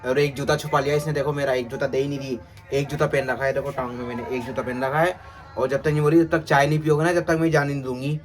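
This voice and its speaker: A man talking casually to his phone camera as a vlogger and father, chatty and always pointing things out to his viewers. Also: on the high side. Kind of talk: casual vlog narration to camera. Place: outdoors, rooftop and street market. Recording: street noise with passing vehicles.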